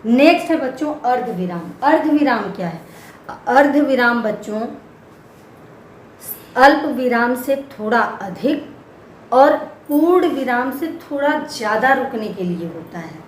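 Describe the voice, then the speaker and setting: A woman's voice: on the high side, lively intonation, a little slow. A woman teaching a grammar lesson for children, patiently repeating example words one at a time. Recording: echoey room with faint background noise.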